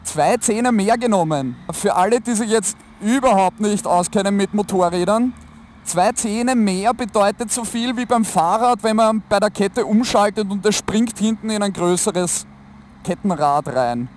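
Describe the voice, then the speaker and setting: Male Austrian motovlogger, high-pitched, casual colloquial chat, enclosed helmet sound with some traffic noise behind. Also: measured pace. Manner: colloquial, slangy. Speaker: motorcycle vlogger. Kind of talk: casual chat to viewers while riding. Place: inside a motorcycle helmet, riding outdoors on a motorway. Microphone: helmet-mounted mic. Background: motorcycle and traffic noise.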